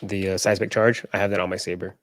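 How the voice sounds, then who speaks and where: A man's voice: low-pitched, little pitch movement, quick pace, no echo. A man chatting casually on a stream call, hesitant and full of fillers.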